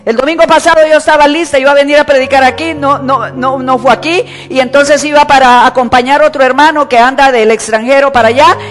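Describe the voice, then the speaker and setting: A woman's voice: sits high, steady tone, quick pace, hardly any pauses. A woman preacher, delivering an emphatic sermon and repeating key words for stress. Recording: echoey church hall with faint music.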